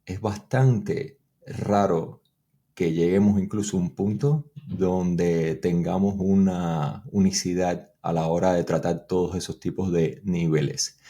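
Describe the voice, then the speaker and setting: A man's voice: deep voice, dark tone. A man from Cuba with a Cuban Spanish accent, answering interview questions in a thoughtful, explanatory way and sometimes restarting his sentences. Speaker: guest engineer.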